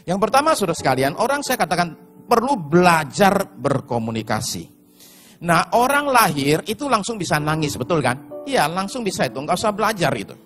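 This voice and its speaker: A man delivers a sermon to his congregation, weaving in stories and direct address. His voice sits a bit high and swings widely in pitch. Faint music runs underneath. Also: big pitch swings, fairly quick. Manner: storytelling with shouted put-on voices and congregation address. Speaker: pastor.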